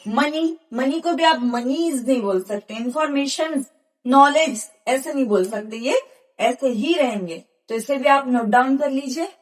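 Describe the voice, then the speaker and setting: High-voiced woman teaching grammar, patient. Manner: patient, repetitive explaining with slow spelled-out examples. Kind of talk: classroom grammar lesson.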